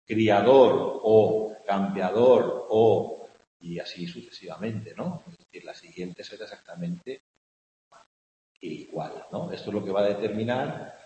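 A low-voiced man from lectures a class in a big echoing room, with a faint hiss under the recording. He checks in with "¿no?" after almost every phrase and chants vowel sounds loudly when he scans verse. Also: very animated, moderate pace, highs cut off. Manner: keeps asking "¿no?" to check on the class. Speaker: teacher. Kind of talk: classroom lecture on poetic meter. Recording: echoey hall with faint hiss, mic far off.

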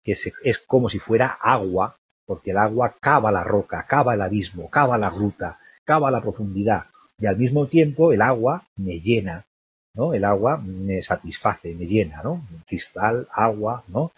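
Husky man lecturing with constant tag questions. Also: lowish voice, expressive, moderate pace. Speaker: literature teacher. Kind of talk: recorded lecture analyzing a poem. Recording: dull dry lo-fi recording.

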